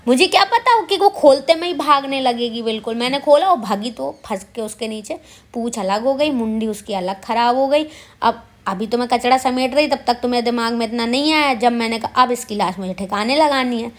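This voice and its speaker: A woman's voice: fairly high pitch, a little fast. A woman vlogger narrating her day in a chatty, self-mocking voice-over, speaking straight to her viewers. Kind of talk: casual vlog voice-over.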